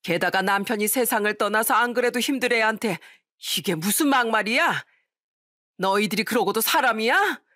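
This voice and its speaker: A woman reading an audio story, voicing an elderly mother-in-law who shouts down her son and his wife. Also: on the high side, animated, moderate pace, dry recording, clean studio sound, voice pushed up. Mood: furious. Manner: shouting, scolding.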